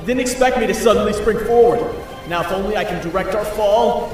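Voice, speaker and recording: A man's voice: sits high, a little fast, natural voice. A man playing a young, wisecracking but harried superhero in a comic dub, with a wry, self-narrating manner. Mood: cocky, joking. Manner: wry, quippy, talks to himself. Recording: very echoey, distant, music behind.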